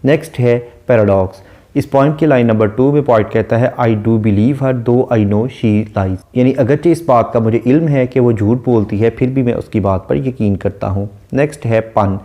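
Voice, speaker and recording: A man with a dark, mellow voice lectures on poetry. He reads each English verse line slowly, then explains it at length. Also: mid-range voice. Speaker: literature lecturer.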